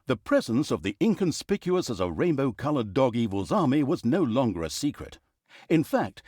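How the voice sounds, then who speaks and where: Heard in a dry, clean studio recording, a man with a mid-range, slightly mellow voice takes on the role of a vain, sardonic narrator of a comic fantasy game saga, theatrically mock-grand and wry, with dramatic stresses and asides.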